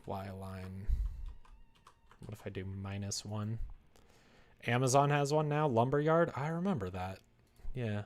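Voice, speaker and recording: Working at a computer desk indoors, a man develops a game on a live stream, casually chatting and muttering to himself between responses to his chat. He has a lowish voice, a measured pace, and long pauses.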